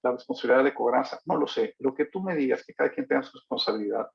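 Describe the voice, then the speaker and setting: A man's voice: mid-range voice, fast, vocal fry. A man, giving a sales lecture and acting out a fable between a father and his son. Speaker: sales trainer. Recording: dull lo-fi recording.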